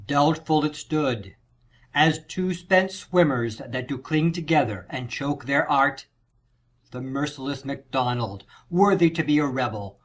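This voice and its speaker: For an audiobook drama, a medium-pitched man plays a wounded soldier reporting on a battle in declamatory Shakespearean verse.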